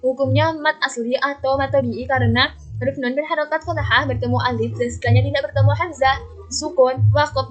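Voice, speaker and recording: A young woman student reading out a tajwid lesson, stating each rule in a steady, methodical way and stretching out the quoted words slowly. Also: high-pitched, low-quality recording. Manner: steady recitation-style explanation, drawing out quoted Quranic words slowly. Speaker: university student. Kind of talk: reading a recorded tajwid assignment.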